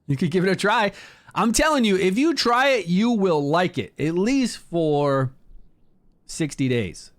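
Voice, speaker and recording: Male game streamer, fairly high voice, casual commentary, chatty, upbeat, greets chat. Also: very animated, measured pace. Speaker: game livestreamer.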